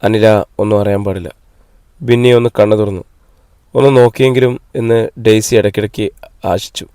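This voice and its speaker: A man reading a novel aloud as an audiobook narrator, in a steady storytelling read on a close mic. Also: fairly low pitch, fairly quick, clear, resonant tone, no echo. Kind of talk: scripted narration.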